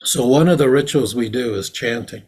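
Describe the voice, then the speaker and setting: A man's voice: medium pitch, moderate pace, darkish tone, slightly rough. A man, a Zen teacher, giving a dharma talk in a meditation hall, explaining ritual plainly and then acting out its lines.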